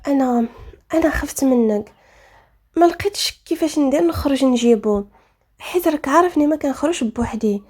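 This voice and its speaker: Shy frightened young wife as a woman reads her, Moroccan accent, hesitant and timid, high mellow voice. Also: brisk, pauses often, natural voice. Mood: fearful.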